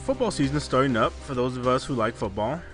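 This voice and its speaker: A man's voice: mid-range voice, expressive, fast, over music. A man hosting a casual podcast, telling rambling anecdotes, often breaking into laughter and swearing freely. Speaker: podcast host.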